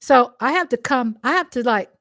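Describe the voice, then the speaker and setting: This Texan vlogger's slightly high, somewhat bright voice is animated and moves at a normal speed as she answers a commenter directly to camera. She argues passionately and repeats phrases for stress, recorded dry.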